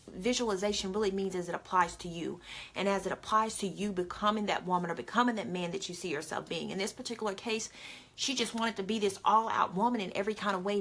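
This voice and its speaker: A woman's voice: medium pitch, fairly bright tone. A woman giving an earnest, chatty motivational talk straight to the camera, often calling her listeners "y'all". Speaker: motivational speaker.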